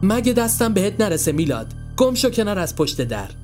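Guy doing a snappy sulky teen girl, high voice, storybook reading. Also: lively intonation, faint music behind. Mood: angry. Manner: snappy, indignant. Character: hot-tempered teenage girl, sulky and sharp-tongued.

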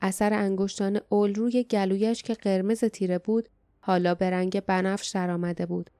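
A woman narrating a fantasy audiobook in a steady, even storytelling manner. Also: mid-range voice, dry recording, studio quality.

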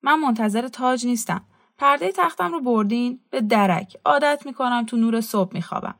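A woman's voice: fairly high pitch, vocal fry, voice pushed up. A woman reading a weary, bitter reclusive man in a storybook, giving him curt, resigned replies.

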